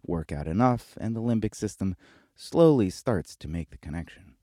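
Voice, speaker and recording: A man giving scripted narration for a video essay, explaining in a measured, reflective way. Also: fairly low pitch, expressive, warm tone, dry recording, clean studio sound.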